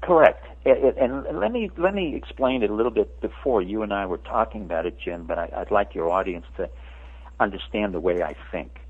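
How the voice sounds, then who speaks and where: Husky older man lecturing over a phone line. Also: on the low side, animated, brisk. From France. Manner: emphatic, lecturing. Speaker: radio interview guest. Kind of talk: radio interview.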